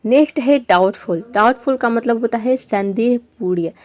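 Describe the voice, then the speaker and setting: A woman's voice: a little high, normal speed, a little mellow. A woman from India teaching an online lesson, explaining patiently step by step and mixing English words into her Hindi.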